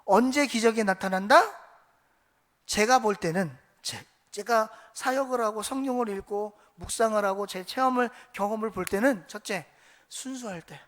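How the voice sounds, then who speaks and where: A pastor preaches a Sunday sermon in a church sanctuary, his voice sitting high with a fairly bright tone at normal speed. He tells a story, acts out the quoted voices, and poses rhetorical questions to the congregation, all under a long church reverb.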